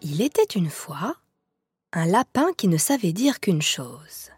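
A woman reading a children's picture book aloud in a slow, expressive storytelling voice, over instrumental music. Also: fairly low pitch.

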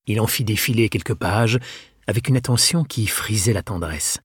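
A male audiobook narrator with a husky, slightly breathy voice at a middling pitch. He reads in a calm, even manner, recorded close and dry with no room sound. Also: moderate pace, dry recording.

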